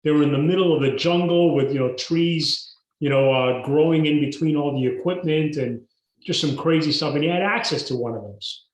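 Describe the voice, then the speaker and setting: A man's voice: a little high, normal speed. Man, roomy sound. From Mexico. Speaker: guest entrepreneur. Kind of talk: podcast interview. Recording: roomy echo.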